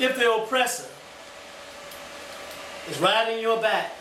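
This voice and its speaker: Male talk radio host, high-voiced, prompting and seeking agreement, distant noisy sound. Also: lively intonation, unhurried, roomy sound. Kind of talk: live discussion and call-in hosting.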